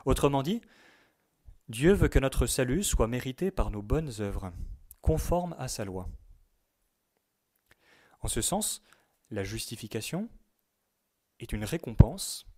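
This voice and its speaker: A man giving a religious teaching to young people, speaking in a measured way and stressing key words, sometimes reading quotations aloud. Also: medium pitch, a little mellow. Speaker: teacher at a youth retreat.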